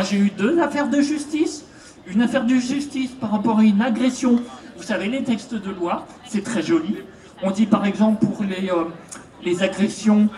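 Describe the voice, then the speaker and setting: A woman's voice: medium pitch, mellow, echoey room, far from the mic. A woman from France with a French accent, an activist speaking to a festival crowd through a handheld microphone, chatty and hesitant with many fillers. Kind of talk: public speech at a festival. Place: outdoor festival stage.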